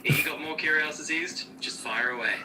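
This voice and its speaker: A man's voice serving as an AI co-host, answering questions in a smooth, upbeat, explanatory way with casual slang. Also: a little high, a little fast, distant mic, over music, poor audio. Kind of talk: conversational Q&A co-hosting.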